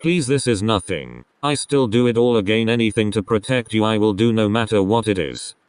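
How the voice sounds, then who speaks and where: A man voicing a fierce, protective teenage boy in a read-aloud text story, talking gruff and blunt. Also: fairly low pitch, fairly quick, no room sound, lightly acted. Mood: tender.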